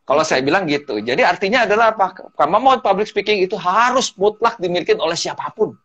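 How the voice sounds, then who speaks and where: A man talking as a guest public speaking trainer, telling stories in a lively way and mixing in English phrases. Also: high-pitched, fast, lo-fi sound. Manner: animated storyteller, mixes in English phrases. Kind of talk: casual talk-show chat.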